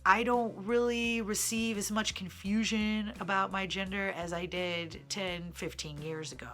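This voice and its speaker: Unhurried and fairly even in intonation, this Midwestern transgender man in his 30s has a high, pushed, bright voice that sounds feminine. As a singer and vlogger, he shares personal stories to camera in a candid, meandering way with many fillers, faint music playing behind.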